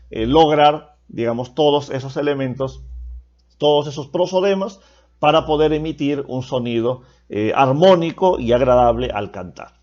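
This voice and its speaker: A male teacher gives a lecture in a slightly high voice, explaining step by step. He keeps checking in with rhetorical questions. The recording sounds dull and lo-fi. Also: a little mellow. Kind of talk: classroom lecture.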